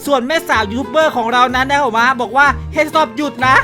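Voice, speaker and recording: A man giving playful, excitable gameplay commentary, laughing often and using crude slang. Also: very high-pitched, fast. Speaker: gaming YouTuber. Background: background music.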